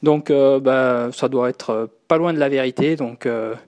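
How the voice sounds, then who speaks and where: A man's voice: mid-range voice, normal speed, darkish tone, no room sound. A man leaving a recorded voice message for a podcast, chatty and hesitant, full of fillers. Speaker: listener caller.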